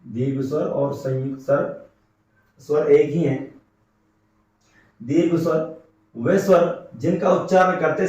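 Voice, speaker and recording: A man's voice: fairly high pitch, a little mellow. A man teaching a grammar class, repeating key terms and asking his students rhetorical questions. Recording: very echoey room, mic set far off.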